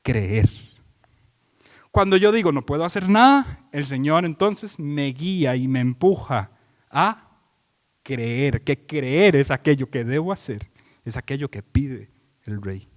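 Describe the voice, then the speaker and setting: A man's voice: mid-range voice, animated, slow pace, big-room sound. A man preaching an expository sermon, driving his points home with repeated phrases and questions put to the congregation. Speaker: pastor.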